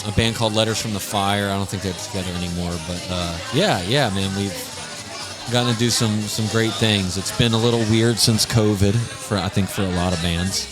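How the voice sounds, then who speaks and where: Man from New Orleans, low voice, relaxed band member, loud music behind. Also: normal speed. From New Orleans, USA. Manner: relaxed, cussing, laughs easily. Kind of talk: casual chat. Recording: live music and bar noise.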